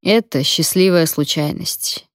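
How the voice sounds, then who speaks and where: A sneering, short-tempered male gang boss who barks orders and mocks his captive, read by a woman narrator. The voice sits fairly low and sounds close and dry, with no room around it. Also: measured pace, dry recording. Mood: threatening. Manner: barking, mocking. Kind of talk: audiobook character reading.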